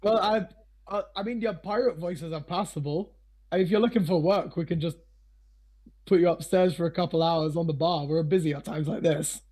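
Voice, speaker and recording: A man's voice: a little high, fairly quick, dark tone, close to an everyday voice. A man voicing a scheming former pirate who now runs a tavern, with a faint pirate twang that creeps into his boastful talk. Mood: businesslike. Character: scheming ex-pirate tavern keeper, male, middle-aged. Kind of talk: tabletop game character voice.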